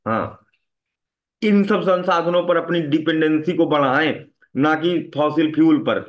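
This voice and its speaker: A man lecturing a class in a fairly high voice. He keeps checking in with his students, firing questions at them and tagging his sentences with a quick "right?". His voice sits a little above most men's. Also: highs cut off. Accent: Hindi. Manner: asks the class questions and repeats "है ना" often. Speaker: teacher.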